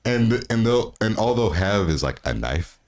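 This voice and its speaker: A young man from the United States talks with his dad in a casual podcast chat. His voice sits very low but swings widely as he jokes and riffs. He keeps the tone loose and animated. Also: measured pace. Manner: animated, joking, mocks accents. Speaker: podcast host.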